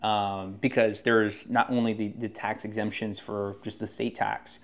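A man's voice: on the low side, flat delivery, measured pace. A man working as a real estate agent, talking casually and rambling with frequent restarts. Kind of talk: casual podcast talk.

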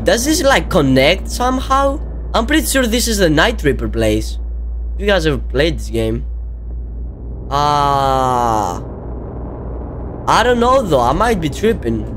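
A young man giving casual, excitable let's-play commentary, often yelling at the game. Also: a little high, measured pace, a little hiss or hum. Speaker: gaming video creator.

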